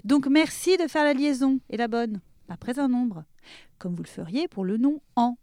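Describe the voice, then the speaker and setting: A woman's voice: on the high side, animated, moderate pace, a little mellow, no room sound, clean studio sound. A young woman giving a comic pronunciation lesson in a playful, teasing way, often laughing. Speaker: comic language teacher.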